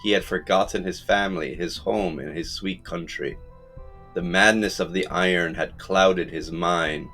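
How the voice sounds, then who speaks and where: A man narrating a folktale audiobook in a measured storytelling manner. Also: low voice, fairly even intonation, pushed and bright, soft background music. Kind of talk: scripted narration.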